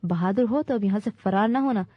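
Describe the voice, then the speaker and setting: A woman's voice: mid-range voice, dry recording, lightly acted. Woman playing a venomous scheming nobleman. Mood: shouting. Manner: venomous, shouting orders. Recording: dull dry recording.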